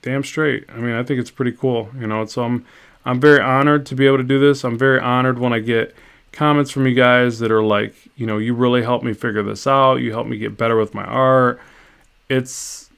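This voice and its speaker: A man's voice: medium pitch, steady tone, brisk, creaky, fairly bright tone, clear, resonant tone. A middle-aged man chatting casually and rambling while painting on a live stream from his home studio. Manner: rambling, self-deprecating, many restarts.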